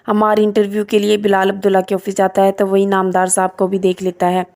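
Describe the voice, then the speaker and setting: Woman, drama episode recap, flat monotone delivery, even steady retelling. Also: medium pitch. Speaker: drama reviewer.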